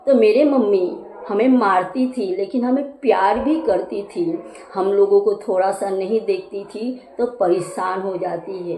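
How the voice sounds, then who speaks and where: A woman's voice: mid-range voice, warm tone, echoey room, a little hiss or hum, rough recording. A woman vlogger telling a childhood story in a homely, chatty way, stopping to explain local words. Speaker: cooking channel vlogger. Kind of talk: casual personal storytelling.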